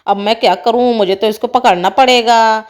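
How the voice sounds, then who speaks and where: A woman's voice: a little high, fairly even intonation, normal speed, voice pushed down, lightly acted. A woman voicing a boastful, timid male snake charmer who chants in a sing-song way and keeps stalling, in a doll story. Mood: bumbling.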